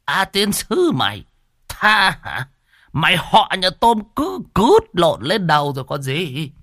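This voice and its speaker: A man voicing a hot-tempered old male master who yells in a high, shrill voice and scolds his student. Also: huge pitch swings, takes it slowly, no room sound, clean studio sound, heavily acted. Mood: scolding. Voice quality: shrill, yelling.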